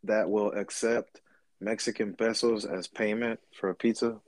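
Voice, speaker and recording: A laid-back comedian chatting casually, swearing often and trailing off with fillers. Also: male voice, on the low side, level tone, normal speed, dry recording. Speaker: comedian guest. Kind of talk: casual podcast chat.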